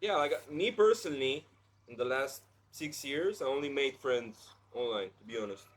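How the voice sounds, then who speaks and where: A man's voice: mid-range voice, lively intonation, normal speed. A man in his thirties hosting a casual podcast chat, blunt and preachy, peppering his talk with "like". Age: 30s. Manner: heavy use of "like", blunt and preachy. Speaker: podcast host.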